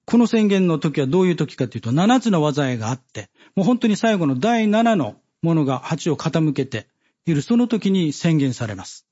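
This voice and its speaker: Male preacher, fairly high husky voice, measured Bible study delivery, dull lo-fi recording. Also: very animated, dark tone. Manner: measured, with many fillers and pauses, reading scripture aloud.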